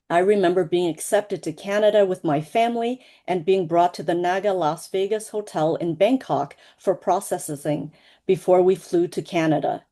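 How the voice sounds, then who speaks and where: Over a video call, a Laotian woman co-authoring a book presents at its online launch. She speaks in a measured, earnest manner with a lowish, dark-toned voice.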